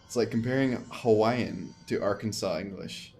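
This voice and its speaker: Trying a game for the first time, a streamer keeps up chatty let's play commentary, thinking aloud and muttering whatever menu text appears. He speaks at normal speed in a fairly low, slightly mellow voice, with a little background noise.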